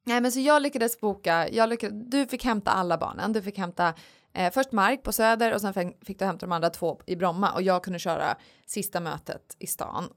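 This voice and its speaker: Rambling, lively woman podcast host. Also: medium pitch. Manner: lively and rambling, many fillers. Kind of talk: casual chat. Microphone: studio podcast mic.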